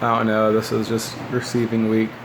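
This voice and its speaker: A man in his twenties, a former military recruit, tells boot camp stories in a laid-back, rambling way while seated by a window in a small living room. His voice is lowish and monotone at a normal speed. The phone held at arm's length gives poor audio with a little hiss or hum.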